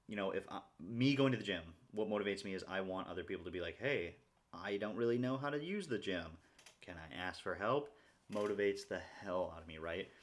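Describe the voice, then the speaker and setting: A man's voice: deep voice, a bit bright. A young man talking casually to his viewers in a rambling monologue, often checking in with "right?". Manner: rambling, peppers sentences with "right?". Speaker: vlogger.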